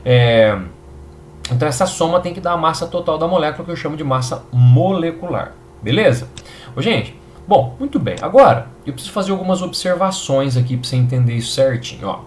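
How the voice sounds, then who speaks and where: A Brazilian man gives a recorded chemistry lesson in an upbeat, reassuring way, checking in with his students often. His pitch swings widely and animatedly as he explains. A faint hum of background noise sits under his voice. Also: lively intonation, fairly quick. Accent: Brazilian Portuguese. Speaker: chemistry teacher.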